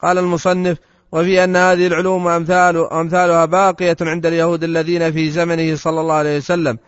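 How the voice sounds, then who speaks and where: A man with a high voice reads a classical text aloud in steady, formal recitation. His voice sounds close and dry, yet the dull recording carries a long reverb tail. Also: fast talker, clean tone. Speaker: student reading the text aloud.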